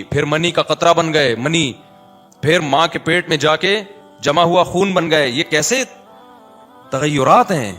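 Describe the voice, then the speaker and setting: A preacher with a Karachi Urdu accent and a slightly high voice delivers a religious lecture. He shifts between chanted recitation and chatty, animated asides.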